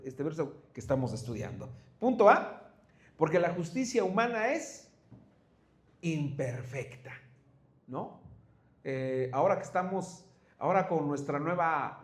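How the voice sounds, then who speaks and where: A man delivers a sermon in a high-pitched voice. He tells stories and keeps putting rhetorical questions to his listeners. The sound is echoey, as if from a large, reverberant room. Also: darkish tone. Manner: storytelling with rhetorical questions to the congregation. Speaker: preacher.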